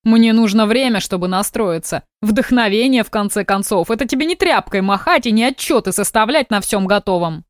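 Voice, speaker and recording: A woman's voice: medium pitch, animated, fairly quick, few pauses, dry recording, natural voice. Lady reading as a sullen snappy husband, bitter and lazy, dry close audio. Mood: resentful. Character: bitter, idle husband in his thirties.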